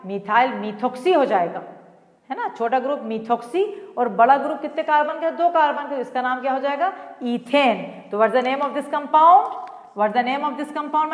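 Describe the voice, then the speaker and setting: A woman. She explains step by step and affectionately addresses her students. Her voice rings with a long echo, as in a bare room. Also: sits high. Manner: explains patiently, mixing Hindi and English, calls students "beta". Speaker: chemistry teacher. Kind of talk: online class lecture.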